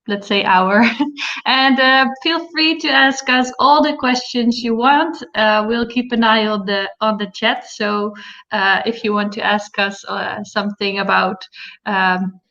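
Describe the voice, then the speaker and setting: A woman's voice: medium pitch, steady tone, measured pace, pushed and bright, dull audio. Hesitant woman from the Netherlands. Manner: hesitant, many fillers. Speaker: guest speaker, social entrepreneur. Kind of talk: online conference presentation. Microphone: video call.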